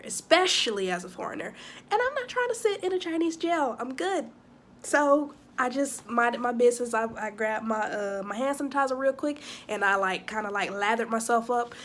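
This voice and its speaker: A young woman talks straight to her camera in a loose vlog style, rushing along with plenty of fillers and side remarks. Her voice sits a little high. A faint hiss runs under the recording. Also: a bit bright. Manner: chatty, quick, full of fillers and asides. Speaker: vlogger living abroad. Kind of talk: casual talking-head vlog.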